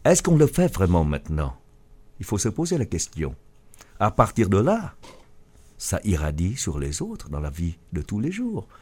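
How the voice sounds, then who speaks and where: Un homme d'âge mûr originaire du Vietnam, auteur et chef d'entreprise, qui répond en interview avec sérieux et hésite souvent. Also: male voice, low voice, wildly swooping pitch, a little mellow, slightly rough. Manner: earnest, halting with restarts. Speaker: author and business leader. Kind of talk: radio interview answer.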